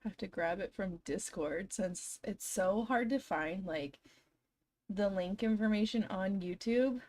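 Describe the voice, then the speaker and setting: A young woman game streamer talks casually to her viewers from home, speaking at medium pitch, a little slowly, with a slightly mellow quality. She's recovering from an illness, so her voice is hoarse, a bit scratchy and froggy. She's chatty, giggles often, and addresses her chat through a desk microphone.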